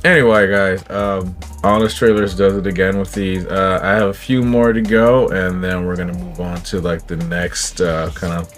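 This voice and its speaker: A very deep-voiced man talks through his reaction to a trailer in casual commentary. He rambles, restarts and hunts for words, and soft music sits faintly behind him. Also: flat delivery, normal speed, hardly any pauses. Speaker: reaction channel host.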